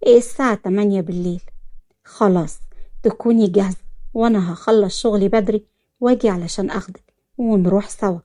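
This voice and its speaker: A woman's voice: mid-range voice, fast, pauses often, warm tone, natural voice. A woman with an Egyptian accent voicing a stern young businessman who gives curt orders. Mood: bossy. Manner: commanding, curt. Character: stern young businessman, bossy guardian cousin.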